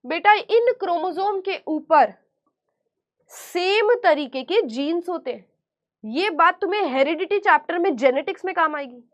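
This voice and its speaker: A woman teacher runs an online lesson in a strikingly high, slightly bright voice. Slow and deliberate, she sets her own terms, restating every question and coaxingly supplying the answer herself.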